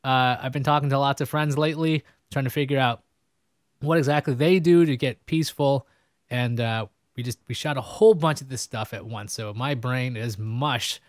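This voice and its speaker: A man's voice: mid-range voice, normal speed, no echo, studio quality. A man hosting a casual interview show, rambling and joking about himself. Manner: rambling, self-mocking, jokey. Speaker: host. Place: New York.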